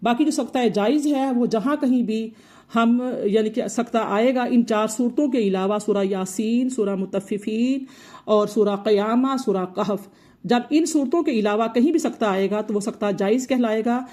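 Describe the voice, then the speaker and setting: A woman's voice: a little high, normal speed, warm tone. A woman teacher explaining Quran recitation rules patiently, often repeating her points. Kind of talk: explanatory tajweed lesson.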